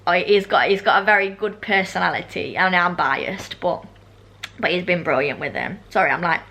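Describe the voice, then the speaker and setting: A woman's voice: fairly low pitch, normal speed, pushed and bright. Chatty young British woman with braces. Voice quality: slightly slushy speech from braces with elastic bands. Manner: rambling, self-interrupting, informal. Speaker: vlogger. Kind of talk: casual chatty vlog.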